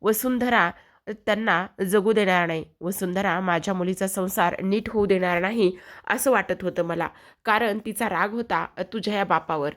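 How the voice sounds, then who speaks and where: A woman's voice: medium pitch, normal speed, a bit bright, natural voice. Woman reading father role, earnest and regretful, her own voice. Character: regretful father of two daughters.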